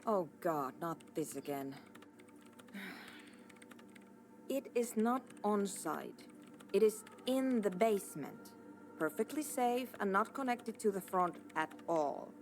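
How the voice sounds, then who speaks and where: Brusque, expressive defensive woman programmer. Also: mid-range voice, takes it slowly, pauses often, soft background music. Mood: exasperated, defensive. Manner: curt, insistent. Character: exasperated, defensive female programmer, proud and brusque. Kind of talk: scripted video game dialogue.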